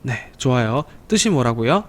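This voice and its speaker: A man teaching a slow, patient online English lesson to children, repeating words and pausing with fillers. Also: mid-range voice, big pitch swings.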